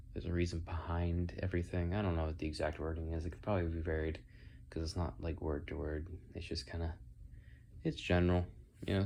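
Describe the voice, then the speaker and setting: A man speaks in a deep, low register with noticeable whistling on his s sounds. He talks casually on his own, thinking aloud and wandering from one thought to another. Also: warm tone, a little hiss or hum. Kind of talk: casual rambling solo monologue. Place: indoors in own room.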